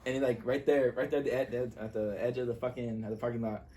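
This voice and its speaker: A man's voice: medium pitch, flat delivery, quick pace, mellow, a little hiss or hum. Young man chiming in with slang. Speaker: podcast co-host. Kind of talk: casual banter.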